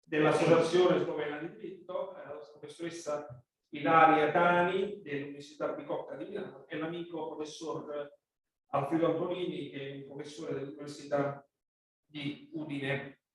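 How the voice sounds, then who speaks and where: A man's voice: fairly high pitch, steady tone, moderate pace. A man with a Neapolitan accent gives a formal welcome speech as the official opening a conference. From Naples, Italy. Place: echoey conference room. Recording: very echoey room, distant microphone.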